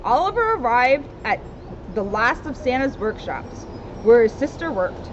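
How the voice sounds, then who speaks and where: With an unhurried, sing-song delivery on the high side, a woman reads a children's storybook out loud and drops in casual comments. She's outside on a town street, and the dull recording is heavy with street noise.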